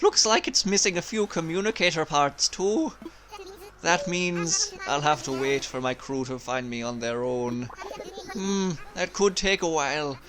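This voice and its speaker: A man's voice: fairly high pitch, animated, measured pace, background noise. A man voicing a chatty shipwrecked male seagull sailor with a put-on Irish accent. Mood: cheery.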